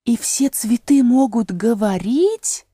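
A woman's voice: fairly high pitch, expressive, slow, warm tone, husky, dry recording, studio quality, pitched above the performer's own voice, full character voice. A woman voicing a curious, polite young girl in a storybook reading, asking earnest questions. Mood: excited.

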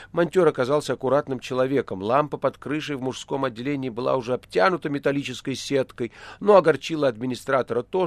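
Мужчина читает аудиокнигу, сухой звук. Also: male voice, medium pitch, no echo. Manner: expressive, even storytelling. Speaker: audiobook narrator. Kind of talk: literary audiobook reading.

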